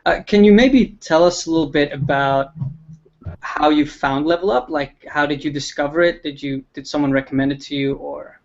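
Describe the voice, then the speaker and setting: A man's voice: a little high, moderate pace, creaky, highs cut off. Man hosting a casual livestream. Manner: relaxed, with frequent ums and restarts. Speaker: livestream host.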